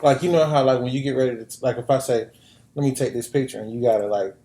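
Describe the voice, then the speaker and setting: This podcast host is a man with a medium-pitched, dark voice and fairly even intonation, talking at a quick clip. Laid-back and teasing, he opens the show with casual chat full of fillers such as "like," while soft music plays behind him.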